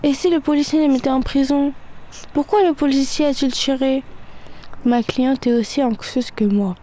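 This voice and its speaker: Woman, mellow slightly high voice, anxious first-person reading. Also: fairly even intonation, moderate pace.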